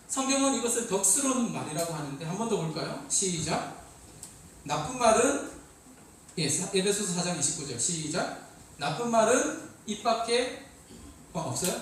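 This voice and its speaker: A man preaching a sermon to youth as pastor, lively and calling on listeners to read along, in a church hall. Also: high-pitched. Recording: very echoey hall, distant mic, faint hiss.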